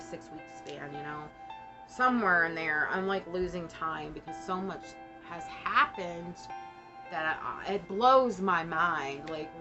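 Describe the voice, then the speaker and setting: A woman who is short of breath gives a personal update in a casual monologue, speaking in halting, broken phrases. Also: deep voice, dull audio. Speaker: vlogger giving a personal family update.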